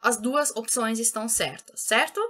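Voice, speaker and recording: Bright-voiced woman teaching German. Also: on the high side. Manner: patient, repeats points, slows down for German examples. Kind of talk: explanatory video lesson.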